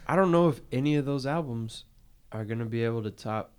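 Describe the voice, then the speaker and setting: A man's voice: mid-range voice, fairly quick, clean tone. A man chatting casually as a podcast co-host, chiming in easily. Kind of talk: casual chat.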